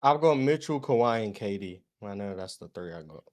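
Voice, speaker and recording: A man on a casual group voice chat, blunt and low-key, letting his sentences trail off quietly. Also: lively intonation, brisk, dry recording.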